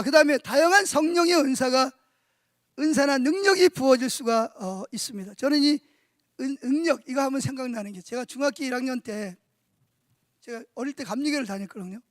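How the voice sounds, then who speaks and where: A middle-aged male pastor preaching a sermon at a church conference, telling stories in an animated way and often asking the congregation rhetorical questions. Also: extremely high pitch, dry recording, clean studio sound.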